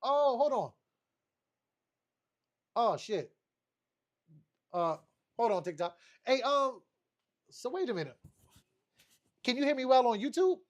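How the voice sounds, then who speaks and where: A man livestreaming a casual storytime rant, animated and profane, repeating phrases for emphasis. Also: extremely high pitch, takes it slowly, long pauses. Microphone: streaming setup mic.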